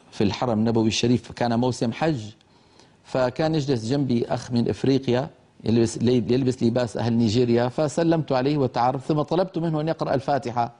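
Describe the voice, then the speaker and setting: An older man gives a lecture on pronunciation with a mellow, warm tone. He explains patiently and slows down to sound out each letter aloud. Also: mid-range voice. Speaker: teacher of Quran recitation.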